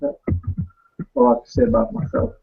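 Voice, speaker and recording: A man's voice: extremely high pitch, steady tone, moderate pace, vocal fry, slightly rough, soft background music. A man answering briefly and hesitantly as a guest over a poor-quality microphone. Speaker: guest aspiring artist. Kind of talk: casual chat on a call. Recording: poor microphone, dull with faint hiss.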